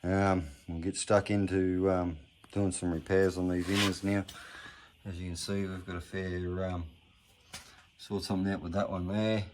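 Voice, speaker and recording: Low-voiced man, broad Australian accent. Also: flat delivery, normal speed, darkish tone, a little hiss or hum. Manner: laconic, slangy, understated. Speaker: hobby car restorer presenting progress videos. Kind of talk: casual workshop vlog, off-the-cuff commentary.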